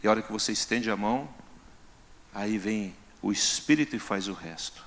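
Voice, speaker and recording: A man's voice: on the low side, normal speed, vocal fry, fairly bright tone. A male pastor, preaching in a conversational way and acting out everyday scenes. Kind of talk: sermon. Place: church.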